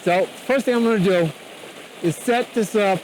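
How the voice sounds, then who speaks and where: A man with a fairly high-pitched voice talks through his camera work in a casual, on-location vlog style. He is outdoors beside a rushing river, raising his voice over the sound of the water behind him. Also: poor audio. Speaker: photography vlogger. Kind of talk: casual on-location photography tutorial. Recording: loud rushing stream noise.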